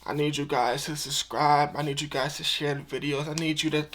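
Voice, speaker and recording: This twenty-year-old vlogger has a fairly high, slightly bright voice, talking fairly quickly with a flat delivery. He addresses the camera in an earnest, emotional way, using casual slang and repeating himself a lot.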